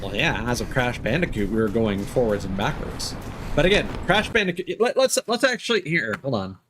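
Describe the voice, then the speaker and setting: Against background noise, a man with a mid-range voice speaks briskly and very animatedly while live streaming a game. His casual commentary is opinionated and rambling as he thinks aloud during play.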